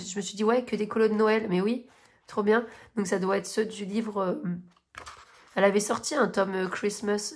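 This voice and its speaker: A woman in her thirties chatting casually in a coloring vlog, gushing and rambling with many fillers and restarts. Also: mid-range voice. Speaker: coloring vlogger. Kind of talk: casual chat showing coloring books and finished pages.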